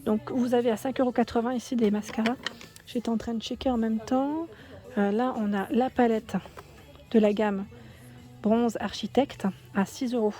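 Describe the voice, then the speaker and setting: French woman, slightly high voice with a mellow tone, chatty store-tour vlogger. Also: fairly even intonation, normal speed. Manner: chatty, reads prices aloud, thinks out loud. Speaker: shopping haul vlogger. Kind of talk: casual store walkthrough vlog. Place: indoors in a shop under ceiling spotlights.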